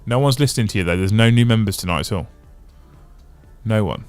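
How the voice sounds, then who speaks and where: Soft background music accompanies a lowish, clear, resonant male voice with no echo, speaking fairly quickly. He hosts a casual livestream, reading viewer comments and chatting in long, thinking-aloud runs with restarts and repetitions.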